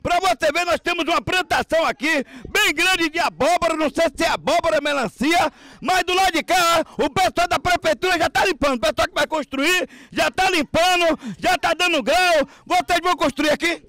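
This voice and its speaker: A man, reporting loudly outdoors at a market site on a handheld mic, excitable and shouting. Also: very high voice, normal speed, dry recording. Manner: excitable, shouting, preacher-like exclamations. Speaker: street reporter and host. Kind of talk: loud street reporting.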